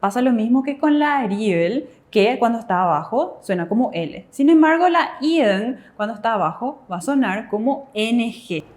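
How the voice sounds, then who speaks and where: A woman co-hosts a televised language lesson. Her voice sits a little high, and she explains each point clearly and reassuringly. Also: lively intonation, moderate pace, few pauses, darkish tone. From Paraguay. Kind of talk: bilingual classroom lesson on TV.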